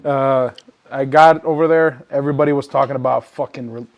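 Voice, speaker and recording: Fairly quick and medium-pitched, this male podcast co-host is heard on audio with the highs cut off. His talk is casual and meandering, heavy with profanity, and he grows animated while telling stories.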